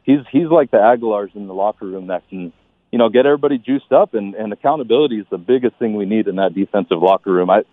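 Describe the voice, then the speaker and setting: A man's voice: lowish voice, quick pace, dry recording. A man calling a sports show, casually and enthusiastically giving his opinion, restarting and stacking his phrases. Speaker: phone-in caller. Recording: tinny phone line.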